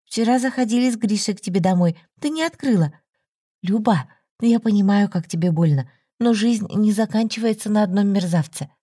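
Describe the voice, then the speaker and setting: A woman voicing an anxious, caring young female friend in an audiobook, her voice raised high. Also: warm tone, slightly rough, no echo, clean studio sound, close to an everyday voice. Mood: worried. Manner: anxious, fast-talking, high-pitched. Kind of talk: audiobook story reading.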